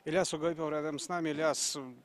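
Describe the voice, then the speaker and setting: A man in his thirties conducting post-match interviews outdoors into a handheld microphone, phrasing his questions a bit haltingly. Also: on the high side, fairly even intonation, a faint crowd, slight background noise. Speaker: sports interviewer. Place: outdoors at a football stadium.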